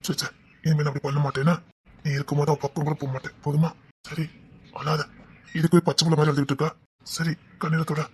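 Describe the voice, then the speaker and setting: Brief: a gentle, unhappily married young man, husky and quick, quiet and consoling. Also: on the high side, flat delivery. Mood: soothing. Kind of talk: TV serial melodrama.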